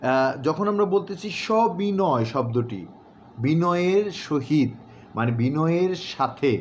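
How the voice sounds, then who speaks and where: A man from Bangladesh teaching pronunciation, repeating example words slowly and deliberately between frequent filler sounds. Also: a little high, expressive, a little mellow. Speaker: recitation and newsreading instructor. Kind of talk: pronunciation lesson. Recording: dull, slightly noisy home recording.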